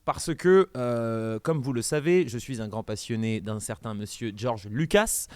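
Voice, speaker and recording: A man hosts an informal podcast chat. His voice sits at a middle pitch and he talks with open, effusive enthusiasm. The sound is dry, with very little room. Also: lively intonation, unhurried, a little mellow, clear, resonant tone, dry recording. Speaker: podcast host.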